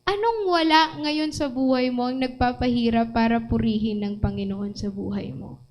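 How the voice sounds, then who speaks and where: A woman preacher with a Filipino accent delivering an animated sermon, mixing Tagalog and English and asking the congregation questions. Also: a little high, normal speed, rough recording.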